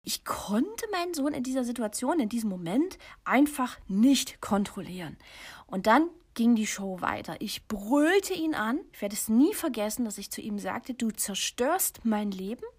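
A woman's voice: a little high, lively intonation, moderate pace, darkish tone, husky. A middle-aged woman hosting a podcast for mothers, telling a painful personal story to the listener in an intimate, confessional way that often drops to a near whisper. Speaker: podcast host and coach for mothers.

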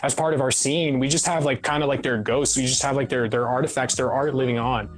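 A man's voice: medium pitch, steady tone, fairly quick. Rambling young man, music underneath. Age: 20s. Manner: rambling, repeats "what do you call it". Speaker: podcast guest. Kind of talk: casual chat.

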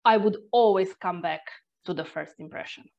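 With a lowish, slightly mellow voice at a moderate pace, this accented Croatian woman, a non-native English speaker, is a guest energy therapist recounting personal experiences in conversation. She sounds earnest and reflective, sighing and restarting as she goes, on a dull lo-fi recording.

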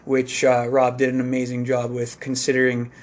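A man's voice: mid-range voice, monotone. Joking man losing his voice. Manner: joking, quick asides, restarts. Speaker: event co-host. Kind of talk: casual live-stream chat.

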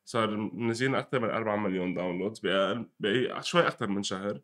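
A young man with a Lebanese Levantine accent talks gaming in a casual, conversational way. His voice sits a little low and he speaks very quickly, dropping English gamer terms into his Arabic. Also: a bit bright. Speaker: gaming commentator and guest.

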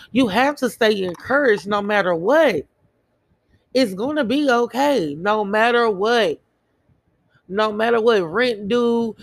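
A woman's voice: mid-range voice, creaky, no echo. A woman giving a casual motivational monologue in an earnest, emphatic way, repeating phrases for emphasis. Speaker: motivational speaker.

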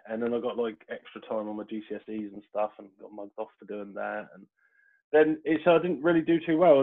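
A middle-aged man from Portsmouth with a Portsmouth accent, a podcast guest telling his story in relaxed casual chat and laughing easily. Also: mid-range voice. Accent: Portsmouth English. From Portsmouth, England. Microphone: video call. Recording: tinny phone-like call audio.

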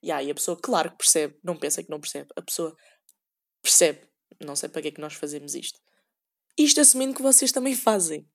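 A woman's voice: low-pitched, fast talker. A young woman with a European Portuguese accent, rambling sarcastically in a casual solo podcast and acting out quoted voices. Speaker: podcast host.

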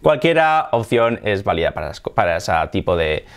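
A man's voice: on the low side, very animated, fairly quick. A man with a Spanish accent from Spain giving a casual lesson, chatty and laughing often, lifting his voice to model phrases. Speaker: English teacher.

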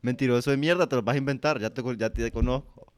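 A man's voice: medium pitch, quick pace, smooth, dry recording. A man, co-hosting a podcast, blunt and teasing with lots of swearing. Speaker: podcast co-host. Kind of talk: casual podcast banter.

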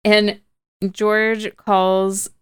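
Smooth, crisp woman recapping a movie. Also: mid-range voice, level tone, extremely slow, no room sound, clean studio sound. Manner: chatty, peppered with "like" and "kinda". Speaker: podcast host.

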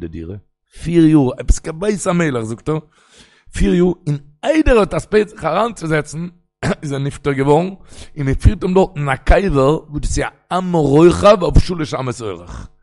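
Gravelly-voiced rabbi preaching in Yiddish. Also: male voice, on the high side, a little mellow. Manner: rambling, storytelling, quoting sources in a singsong. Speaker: rabbi giving a Torah talk. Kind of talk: Yiddish sermon on the weekly portion.

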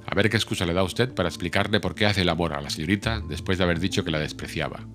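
A man reading the lines of a proud, fiery young woman in an audiobook, sharp and imperious. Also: deep voice, rapid-fire, faint music behind. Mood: furious.

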